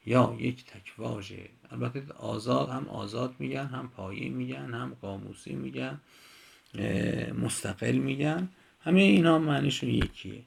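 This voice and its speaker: A man's voice: medium pitch, creaky, husky. A man teaching a grammar lecture, explaining step by step with examples.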